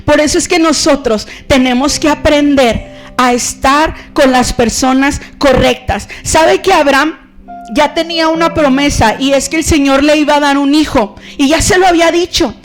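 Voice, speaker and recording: Animated, high-voiced woman preaching. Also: moderate pace, faint music behind. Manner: animated, conversational, acts out stories. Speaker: pastor. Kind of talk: sermon.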